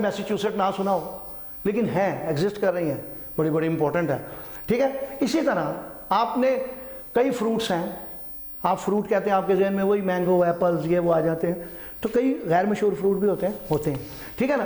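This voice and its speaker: High-voiced teacher lecturing in an echoey room. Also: male voice, a little mellow. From Pakistan. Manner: repeats terms, checks in with "ठीक है"; mixes English terms into Urdu. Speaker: science teacher. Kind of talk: classroom biology lecture.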